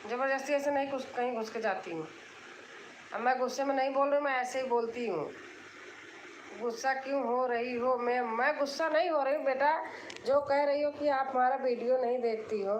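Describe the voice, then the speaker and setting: A woman's voice: high voice, a little fast, roomy sound, a little hiss or hum, rough recording. A woman from Allahabad, hosting a casual live stream and answering comments in an insistent, repetitive way, explaining herself. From Allahabad, India.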